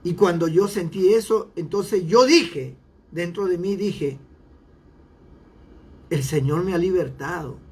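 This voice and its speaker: Husky-voiced pastor giving testimony. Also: male voice, extremely high pitch, fairly bright tone. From Peru. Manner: emotional, repetitive storytelling. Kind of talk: sermon testimony.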